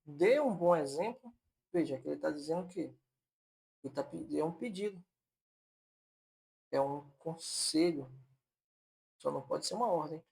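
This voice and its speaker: A man's voice: a little high, lively intonation, moderate pace, gravelly, pauses often, a little mellow, breathy edge. A man teaching a Portuguese grammar lesson online for exam prep, explaining step by step and repeating points on purpose so they stick.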